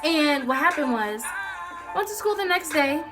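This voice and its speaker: Speaking at a moderate pace, this young American woman, a storytime vlogger with a very high voice, chats a casual story straight to her audience. Her delivery is lively and slangy, breaking into acted-out dialogue, while music runs underneath.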